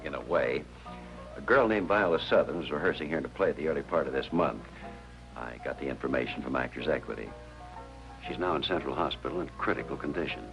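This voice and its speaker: An actor playing an earnest male hospital chaplain who asks polite, persistent questions in a 1950s TV drama. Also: very deep voice. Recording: dull lo-fi 1950s TV soundtrack with music.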